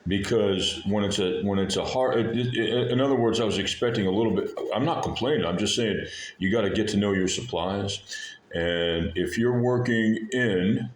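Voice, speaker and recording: A man with a low-pitched voice gives an informal, rambling art tutorial. He talks haltingly, circling back and rephrasing as he goes. The room is echoey, with a faint noise behind him. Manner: halting, meandering, often breaks off and rephrases mid-sentence. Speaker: art lesson video host.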